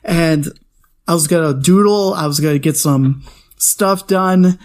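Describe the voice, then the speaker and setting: A man co-hosting a podcast in a casual chat, telling a story in an animated way and laughing often. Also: a little high, measured pace. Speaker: podcast co-host.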